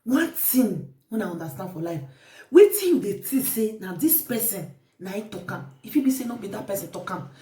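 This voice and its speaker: Talking a little fast in a medium-pitched, dark-toned voice, an animated woman with a Nigerian Pidgin accent gives her audience casual, repetitive life advice and exhortations. The recording comes from a distant mic in an echoey room.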